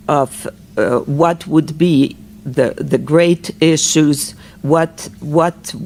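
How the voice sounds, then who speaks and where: A man's voice: fairly high pitch, darkish tone, slight background noise. A man speaking as a scholar on a panel discussion, hesitant and searching for his words.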